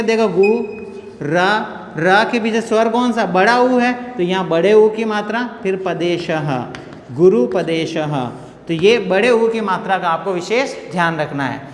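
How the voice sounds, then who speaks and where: A man's voice: high-pitched, slight background noise. A man teaching a grammar lesson at a board, patiently repeating points and asking questions he answers himself. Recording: echoey room with long reverb.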